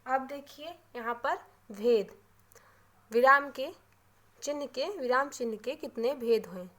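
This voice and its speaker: Hindi teacher woman, slightly high voice. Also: bright, forceful tone. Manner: repeats key terms slowly, frequent "है ना" tag questions. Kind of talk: classroom grammar lesson.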